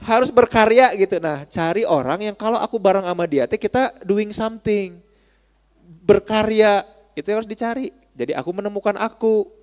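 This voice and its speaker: A man with a Sundanese accent gives a relaxed religious study talk in a voice pitched a little high. He is chatty and teasing and speaks straight to his listeners. A long reverb hangs behind him, as in a large hall. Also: moderate pace.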